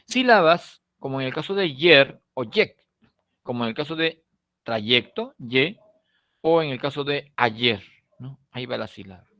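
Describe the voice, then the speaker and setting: A man with a Peruvian Spanish accent teaching a recorded online class, explaining step by step, slowing down on key words, trailing off softly at the ends of phrases and checking in with frequent tag questions. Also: medium pitch, lively intonation, no room sound.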